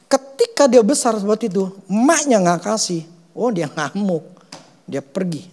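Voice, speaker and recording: A middle-aged man with an Indonesian accent, a pastor preaching a sermon, telling stories with loud and hushed stretches. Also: sits high, moderate pace. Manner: animated storytelling, swings from loud to hushed.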